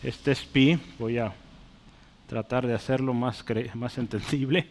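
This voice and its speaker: A man preaching a sermon, explaining words slowly as he writes them on a board and often checking in with his listeners. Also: medium pitch, fairly even intonation, a little mellow. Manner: asks "¿verdad?" and "¿sí?" often. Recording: long hall reverb.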